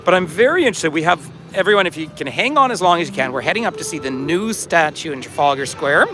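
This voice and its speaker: Animated chatty man on a busy street. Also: a little high, quick pace, rough recording. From Canada. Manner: chatty, laughs often, animated. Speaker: vlog host. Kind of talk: live-streamed walking tour chat. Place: outdoors on a busy city street. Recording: music playing behind.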